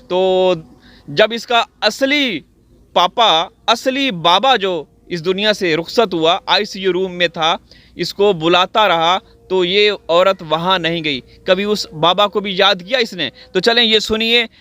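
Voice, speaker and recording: Sarcastic high-voiced man, bright tone. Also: slow, no room sound. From Pakistan. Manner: sarcastic, theatrical, addresses viewers directly. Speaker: video commentator. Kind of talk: mocking commentary. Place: outdoors on wet farmland.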